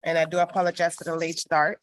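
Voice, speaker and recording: A woman chairs a city hearing over an online group voice call, formally running the meeting and reading items into the record with frequent ums and small restarts. Her voice is fairly low, completely flat and fast. The recording is rough and sounds like an online group call.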